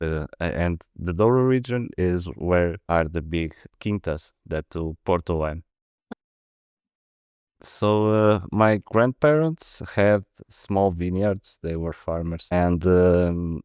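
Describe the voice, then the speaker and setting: A man in his thirties with a Portuguese accent and a very low voice talks through his answers in a relaxed way. He stumbles and restarts often. He is recorded close and dry. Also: smooth, dry recording. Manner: hesitant, many restarts and fillers. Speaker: podcast guest, protocol lead. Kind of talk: casual interview answers.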